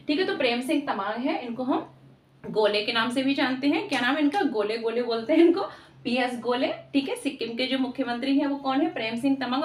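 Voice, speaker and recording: A woman's voice: on the high side, a little hiss or hum. A woman teaching an exam-prep lesson, asking questions and answering them herself, repeating key points often. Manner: repeats questions and answers, frequent "theek hai". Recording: echoey room, voice from far off.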